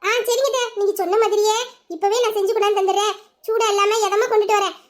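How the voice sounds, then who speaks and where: A woman's voice: extremely high pitch, fairly even intonation, quick pace. A woman doing an eager young daughter-in-law. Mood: obliging. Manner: eager and obedient.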